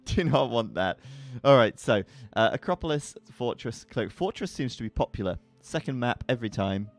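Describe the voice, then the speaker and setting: A man casting an esports match live, chatty and quick to laugh. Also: mid-range voice, animated. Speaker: esports caster. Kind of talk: live game commentary. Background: faint background music.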